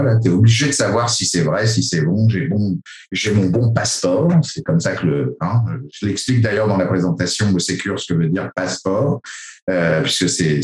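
A man's voice: low-pitched, darkish tone, echoey room. A man from France talking casually in a discussion, rambling with many fillers and restarts.

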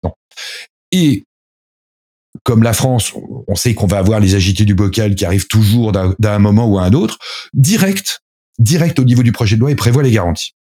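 Husky man, ironic and mocking. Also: lowish voice, animated, mellow. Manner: ironic, mocking parody voices with pauses and restarts. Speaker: commentator explaining a new law. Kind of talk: casual commentary.

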